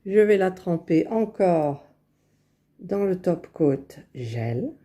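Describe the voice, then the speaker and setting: A woman narrates a hands-on crafting session in a slow, mellow, rather low voice. She thinks aloud, pauses and corrects herself as she works. Her face is close to the phone recording her indoors. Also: lively intonation. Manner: unhurried, thinking aloud while working, self-correcting. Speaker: crafting vlogger. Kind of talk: casual crafting tutorial. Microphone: phone held very close to the face.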